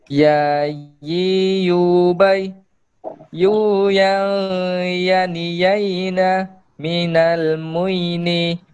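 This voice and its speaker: Very slow, clear male student reciting. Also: sits high, little pitch movement, darkish tone. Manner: recites slowly syllable by syllable.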